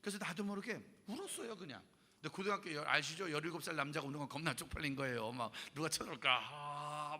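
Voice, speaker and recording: A man's voice: fairly high pitch, vocal fry, bright, forceful tone. A man in his forties preaching a youth revival sermon as a pastor, telling stories with humor and acting out the voices he quotes. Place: church hall at a youth event. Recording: reverberant church hall.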